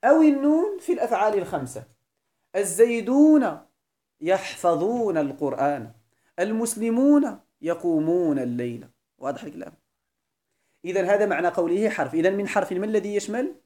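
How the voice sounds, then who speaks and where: A man with a Moroccan Arabic accent, teaching a grammar class as a sheikh. He asks his students questions and repeats each definition slowly. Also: high-pitched, expressive, mellow. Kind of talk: classroom lecture.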